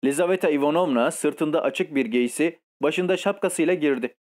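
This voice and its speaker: A man's voice: fairly high pitch, a little fast. Man narrating a classic novella. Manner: steady, literary storytelling. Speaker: audiobook narrator. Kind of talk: scripted narration.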